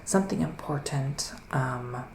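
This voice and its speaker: In a soft ASMR roleplay, a male performer plays a psychic witch giving a mystical reading, shifting between gentle speech and whispers. He muses very slowly, hesitantly and drawn-out, with lots of vocal fry, a medium pitch and fairly even intonation. The room echoes noticeably around his voice, and there's slight background noise.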